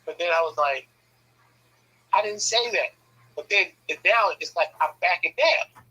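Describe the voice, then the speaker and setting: A man's voice: sits high, animated, measured pace, pushed and bright, slightly rough, lo-fi sound. A man casually telling a rambling, profane story, often checking in with "right?". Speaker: podcast host telling a story.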